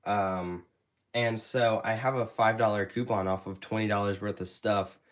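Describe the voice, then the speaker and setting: A man's voice: lowish voice, steady tone, moderate pace. Stuffy young man rambling on a stream. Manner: rambling, hesitant, with many fillers and restarts. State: stuffy from allergies. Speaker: YouTube creator hosting a live Q&A. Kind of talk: casual live stream chat. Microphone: handheld phone camera.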